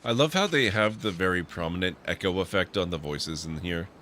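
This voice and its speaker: A man's voice: low voice, animated, fairly quick, a bit bright, slight background noise. A man commenting on a video game playthrough and reading game text aloud as he streams.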